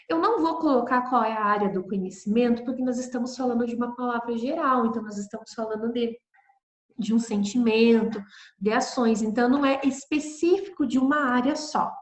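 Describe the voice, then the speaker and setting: A Brazilian woman teaching children in a recorded video lesson, gentle and patient, explaining step by step. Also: on the high side. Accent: Brazilian Portuguese. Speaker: primary school teacher. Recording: echoey room.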